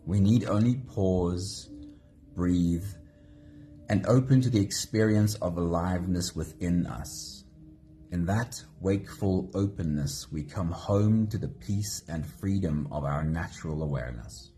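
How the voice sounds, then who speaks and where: A very deep-voiced man leads a live guided meditation at an unhurried pace. His tone is mellow and gentle. Soft music plays faintly behind him. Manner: slow, gentle, greets viewers by name. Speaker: meditation host.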